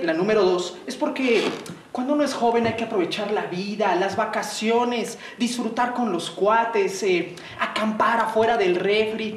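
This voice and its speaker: Mexican man, storyteller, playful and dramatic, roomy sound, a bit far from the mic. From southern coast of Mexico. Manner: dramatic, playful, swings pitch and slows for effect. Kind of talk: storytelling for young people. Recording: roomy, distant mic, faint noise.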